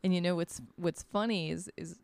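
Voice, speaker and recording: A middle-aged woman in casual podcast chat, encouraging and quick to laugh. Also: lowish voice, fairly even intonation, creaky, darkish tone, clear, resonant tone, no echo.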